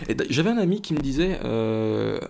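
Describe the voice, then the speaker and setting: A young French YouTuber chats casually to the camera while opening a box of trading cards, rambling with lots of restarts and fillers. His mid-range voice has big pitch swings, vocal fry and a darkish tone, at a normal speed.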